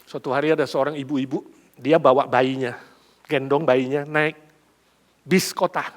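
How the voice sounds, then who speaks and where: A middle-aged male pastor preaching a sermon, swinging dramatically between a hushed voice and loud emphasis. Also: mid-range voice, steady tone, moderate pace.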